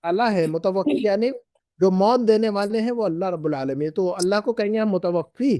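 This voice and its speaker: A man's voice: sits high, a little fast, mellow, dry recording, clean studio sound. A middle-aged man teaching an Arabic class, patiently repeating and drilling words with his students. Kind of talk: classroom lesson.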